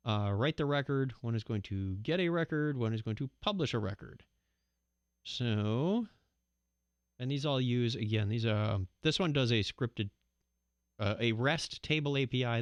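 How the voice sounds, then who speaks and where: A man's voice: on the low side, no room sound. A man co-hosting a live coding show, casually thinking aloud as he types and walks through his code. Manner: thinks aloud while typing code, easygoing.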